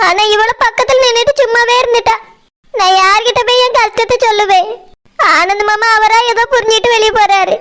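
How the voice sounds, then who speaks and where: Woman voicing a squeaky tearful cartoon bride. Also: fairly bright tone. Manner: sobbing, self-pitying monologue. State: crying. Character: tearful new young bride, miserable and lost. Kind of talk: cartoon voice acting.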